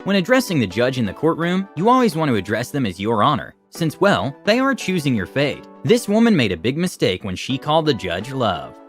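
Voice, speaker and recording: Over background music, a medium-pitched male voice narrates a video compilation from a script, fairly quick with hardly any pauses. His delivery shows huge pitch swings and stays explanatory with a light, wry edge.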